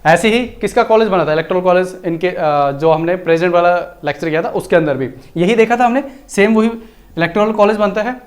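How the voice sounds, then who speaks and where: A man's voice: high voice, a little fast. A male teacher lecturing in a chatty, explanatory way, slipping terms into his talk. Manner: chatty, explanatory, mixes Hindi with English terms. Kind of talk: recorded exam-prep lecture.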